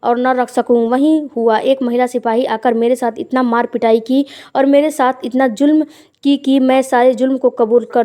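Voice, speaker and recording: A woman's voice: on the high side, warm tone. A woman narrating a first-person story in a plain, conversational way with emotional weight.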